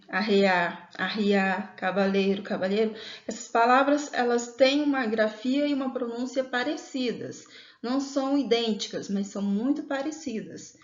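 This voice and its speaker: A woman with a Brazilian accent gives a grammar lesson in a fairly high voice. She explains patiently and keeps checking in with her listeners. The recording sounds dull and lo-fi, with a roomy echo. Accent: Brazilian Portuguese. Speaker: grammar teacher. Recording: echoey room, dull lo-fi sound.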